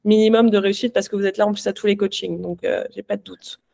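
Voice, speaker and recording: A woman's voice: medium pitch, steady tone, quick pace, gravelly, mellow. A woman coaching pastry exam students in a live online Q&A, chatty and reassuring.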